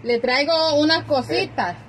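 A woman's voice: high voice, moderate pace. A woman vlogger chatting casually outdoors and narrating to viewers from behind a handheld phone. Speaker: vlogger filming a charity visit. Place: outdoors at a shack doorway. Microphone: handheld phone, behind the camera. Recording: clear outdoor background and vehicle noise.

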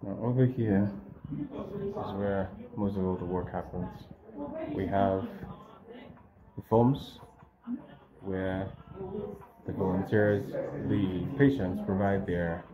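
A man in his thirties leading a casual walking tour of a clinic, relaxed and pausing often with fillers, recorded on a phone he holds. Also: low voice. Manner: relaxed, pauses with frequent fillers. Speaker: foundation representative giving a clinic tour. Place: outdoor yard and indoor clinic rooms. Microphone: phone camera held while walking. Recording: dull lo-fi phone audio with loud crowd. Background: loud crowd chatter.

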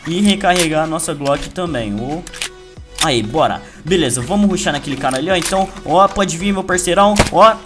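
A man's voice: fairly high pitch, expressive, brisk. A man with a Brazilian Portuguese accent giving playful, boastful gameplay commentary to his viewers. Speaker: gaming youtuber. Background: loud game music and gunfire.

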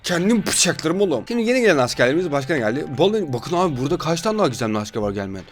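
A man's voice: a little high, very animated, rapid-fire. A sleep-deprived man giving casual, playful gameplay commentary as a gaming YouTuber, joking with his viewers.

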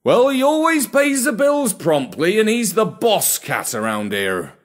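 Narrator doing a gossipy fishmonger, raised pitch, folksy. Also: very animated, a little slow. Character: chatty male fishmonger.

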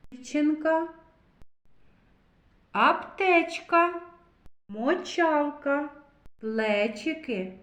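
A woman teaching a literacy lesson to young children, slowly sounding out syllables and words in a sing-song way. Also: fairly high pitch, roomy sound. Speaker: kindergarten teacher.

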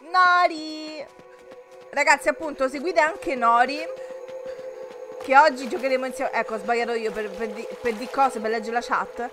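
High-voiced woman streaming a game. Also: normal speed, music in the background. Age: 30s. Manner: chatty and jumpy, laughing often, greeting viewers. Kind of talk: casual live-stream chat while gaming.

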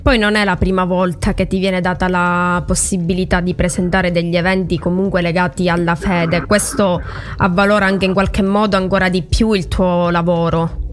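A woman's voice: fairly low pitch, level tone, normal speed, soft background music. Woman host with a Sicilian accent. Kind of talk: casual video-call interview. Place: small indoor room. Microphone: desk microphone on a boom arm.

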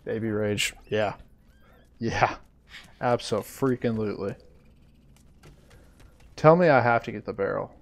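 A man streaming a game live, chatting to viewers, easily frustrated, swearing and breaking into loud surprised outbursts. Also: fairly low pitch, unhurried, pauses often. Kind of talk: live gameplay commentary.

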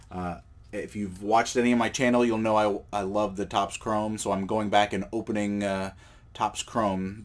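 Suffering from a cold, a man with a lowish voice hosts a card collecting channel, showing cards at an indoor table. His casual show-and-tell vlog is relaxed and rambling, full of fillers and self-corrections.

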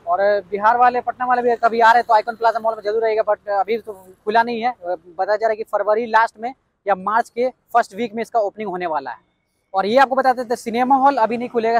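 In a dry recording, a man with a high voice from Bihar, India, does an on-location walkaround vlog at an outdoor construction site. He comes across eager and hyped, hammering his main points again and again with "yes indeed".

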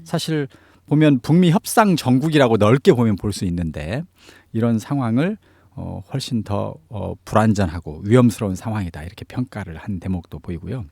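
Animated male analyst with a lively pitch. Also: fairly quick, vocal fry, no room sound, clean studio sound. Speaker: news commentator on North Korea affairs. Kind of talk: spoken analysis in an interview.

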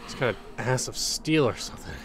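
A man narrating a video game as he plays, reacting loudly, swearing and laughing. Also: medium pitch, brisk, over loud music. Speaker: gaming YouTuber. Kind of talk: let's play commentary.

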